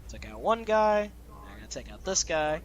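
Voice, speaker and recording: A man's voice: a little high, very animated, fairly quick, highs cut off. A man hosting a let's play, giving loose, chatty commentary full of "like" fillers. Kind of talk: casual gameplay commentary.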